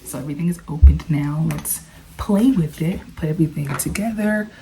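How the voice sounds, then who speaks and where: A young woman doctoral student chatting in a casual vlog, excited and grateful, laughing often and sometimes whispering in a library study room. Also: low voice, fairly quick, slight background noise. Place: walking outdoors, then a library study room.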